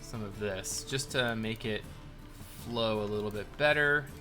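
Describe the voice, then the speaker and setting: A man's voice: on the low side, measured pace. A man hosting a live stream, casually chatting while he builds and answering viewer questions as they come in. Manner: thanks followers and answers viewer questions in a relaxed ramble. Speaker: livestream host building in a game. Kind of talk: casual live commentary reading chat. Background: faint game soundtrack music.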